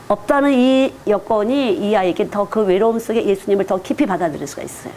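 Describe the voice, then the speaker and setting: A woman's voice: mid-range voice, a little mellow, slight background noise. A woman who is a children's missionary, giving a teacher-training lecture in an earnest, direct, conversational preaching manner.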